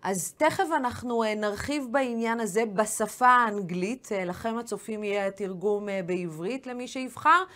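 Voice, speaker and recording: Woman, TV interviewer, quick talker, frequent pauses. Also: mid-range voice, a bit bright. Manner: brisk, with frequent hesitations.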